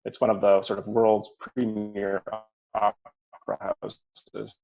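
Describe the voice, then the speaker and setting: A man presenting medical case data over a video call, talking in a measured way with many fillers, while his audio cuts out and its volume rises and falls unevenly. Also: lowish voice, level tone, vocal fry, warm tone, lo-fi sound. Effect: audio cutting out, uneven volume.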